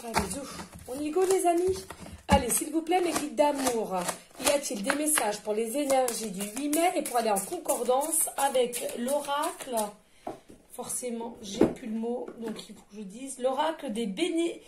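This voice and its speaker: A woman's voice: high voice, lively intonation, moderate pace, noisy background. A woman giving a channeled card reading, effusive and chatty, talking straight to her viewers. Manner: addresses listeners directly and often. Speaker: tarot and oracle card reader.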